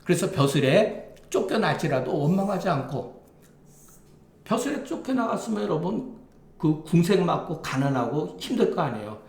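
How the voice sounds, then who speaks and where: Lively-pitched man explaining classical texts. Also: moderate pace, roomy sound. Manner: reads passages then glosses them plainly, with frequent "예" asides. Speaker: lecturer on classical Chinese texts. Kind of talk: explaining a classical text line by line.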